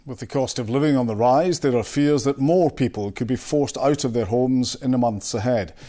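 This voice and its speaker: A man anchors the news from a script. His voice is mellow and warm, sitting at an ordinary male pitch. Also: moderate pace.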